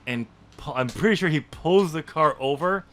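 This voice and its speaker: On his podcast, an author talks casually about his own novel draft, rambling, filling pauses and laughing a lot. His voice sits on the high side, animated and a bit bright, at a normal speed.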